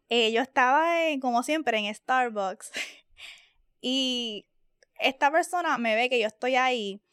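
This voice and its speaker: Her voice sits high and comes out slowly, with frequent pauses and a slightly bright, clear, resonant tone. This young Puerto Rican podcast co-host tells stories with animation in casual chat, switching into English phrases now and then. The studio-quality recording has no room sound.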